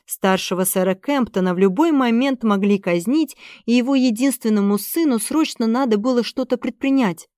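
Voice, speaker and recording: Female narrator, expressive storyteller, dry close recording. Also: a little high, normal speed, few pauses, dry recording. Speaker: audiobook narrator. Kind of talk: scripted narration.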